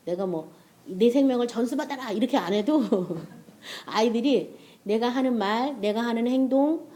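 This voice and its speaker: A woman's voice: fairly high pitch, unhurried, warm tone. A middle-aged woman preaching a sermon in a conversational way, often checking with her listeners.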